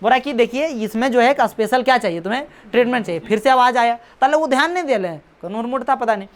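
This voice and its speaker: In this classroom lesson, a man with a very high-pitched, expressive voice walks students through an English story. His speech blends Hindi and English casually, and he stumbles slowly through the English passages. Between jokes, he scolds the class in a chatty way.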